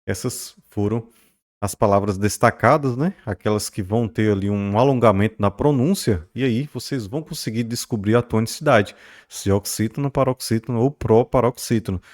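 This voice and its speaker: A man with a lowish voice speaks at a moderate pace, teaching a recorded grammar lesson. He explains patiently, drawing out stressed syllables to model words, and checks in with his students often using "beleza?" and "né?".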